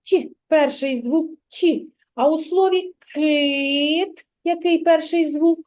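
Slow, high-voiced kindergarten teacher. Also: female voice, a little mellow. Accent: Ukrainian. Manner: drawn-out, sing-song word modelling for a child. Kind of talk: slow, patient preschool literacy lesson.

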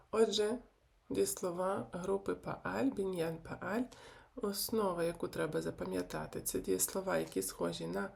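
A woman teaching a video grammar lesson. She speaks slowly and deliberately and repeats verb forms one by one. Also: on the low side, creaky, a little mellow. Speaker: Hebrew language teacher.

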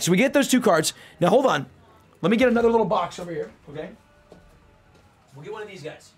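A young man with a fairly high voice and very animated pitch. He talks like a streamer chatting with his viewers, slangy and loose, jumping between low muttered asides and loud hype calls. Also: breathy edge. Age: young adult. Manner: slangy, bro-heavy way of talking. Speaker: live streamer opening card packs. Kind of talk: casual livestream chat with viewers. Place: indoor streaming room at home.

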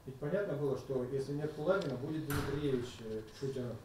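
A man's voice: medium pitch, fast, noisy background. A man, a journalist, politely asking long questions at a press conference. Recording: distant, echoey room mic.

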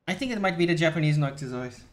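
A woman's voice: low-pitched, expressive, fast. A woman co-hosting a live game stream, chiming in with short, dry remarks and questions. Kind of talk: casual co-host banter.

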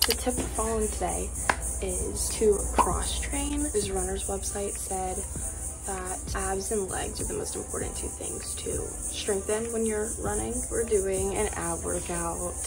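A woman's voice: medium pitch, a little slow, gravelly, poor audio. A young adult woman chatting casually to camera as a vlogger, recorded on a phone. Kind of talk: casual vlog chat to camera. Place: varies: home rooms, porch, street outdoors. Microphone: phone at arm's length or propped nearby. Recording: loud music behind the voice.

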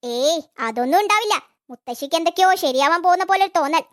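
A performer voicing a fond, gentle elderly grandmother in an animated family cartoon. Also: very high-pitched, fast talker.

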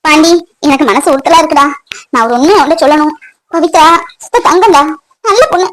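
A woman's voice: sits high, animated, fairly quick, a bit bright, slight background noise. A woman voicing a bossy middle-aged mother-in-law in a cartoon, grumbling and nagging in complaint after complaint. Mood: remorseful. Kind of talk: cartoon voice acting.

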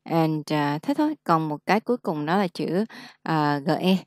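Woman, young, English tutor, low pitch, dry, patient slow modelling. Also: expressive, dry recording. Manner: corrects patiently, models words slowly. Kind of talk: one-on-one pronunciation lesson.

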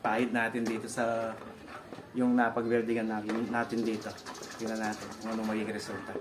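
A man's voice: lowish voice, completely flat delivery, brisk. Filipino man over machine noise, distant and echoey. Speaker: DIY vlogger demonstrating painting. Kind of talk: casual hands-on demonstration. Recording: roomy, distant mic, clear machine noise.

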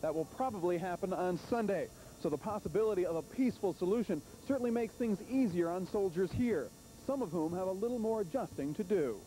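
A TV field reporter in his thirties speaks live into a handheld microphone outdoors at an army base. His delivery is animated and a little fast, with a dark tone. The old broadcast recording is rough, with faint hiss and rumble.

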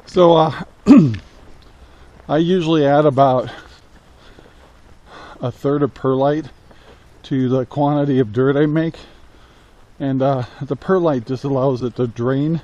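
Holding a camera out at arm's length, a man in his sixties from the United States wanders his yard and greenhouse for a laid-back how-to vlog about homesteading. His voice sits on the high side and sounds dark on the muffled recording, and he talks a little slowly, pausing often and rambling with plenty of "uh" fillers.

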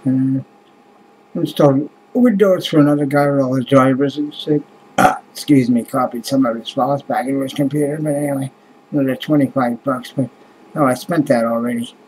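A Canadian man in his fifties vlogs at night from a small room, rambling, sighing, swearing often, and trailing off into a webcam close to his face. His voice is mid-range with a darkish tone, and the audio is poor with slight background noise.

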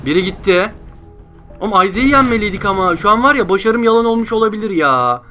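A man's voice: sits high, expressive, fast, pushed and bright, soft background music. A young man giving frustrated gameplay commentary, groaning and repeating himself. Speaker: gameplay streamer.

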